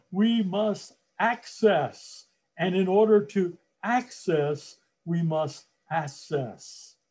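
Male speaking coach, mellow and husky, unhurried motivational delivery with long pauses. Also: on the high side. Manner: slow, deliberate delivery with long pauses and repeated phrases. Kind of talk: motivational talk on public speaking.

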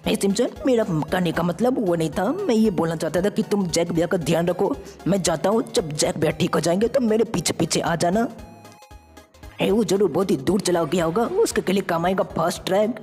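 A woman voices a brave young male hero who turns into aliens in a fan-made game story, eager and earnest, talking to himself as he acts. Her voice is fairly low, brisk, and darkish, only lightly acted. The recording is reverberant, with faint music behind it.

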